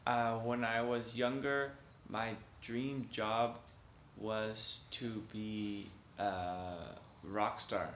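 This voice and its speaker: A man speaks slowly and carefully, picking simple words and filling gaps with ums. His mid-range voice rings in a roomy, echoing space. A faint hiss sits under the recording. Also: lowish voice, fairly even intonation, fairly bright tone. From Canada. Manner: slow, careful and hesitant, with many ums. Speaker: singer answering questions. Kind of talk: slow, simple interview answers. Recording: echoey room with faint noise.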